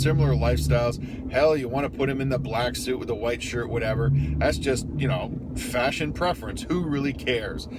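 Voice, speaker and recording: Older guy grumbling off the cuff in his car, blunt and fed up, loud vehicle noise all over it. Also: mid-range voice. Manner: grumpy, exasperated, blunt. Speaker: vlogger. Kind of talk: casual opinionated rant. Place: inside a car.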